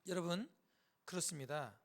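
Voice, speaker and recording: Male Bible lecturer, high and gravelly, acts out the dialogue, very lively delivery. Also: moderate pace. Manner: dramatizes Bible scenes, switching voices, addresses listeners directly. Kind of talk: animated sermon lecture with acted-out dialogue.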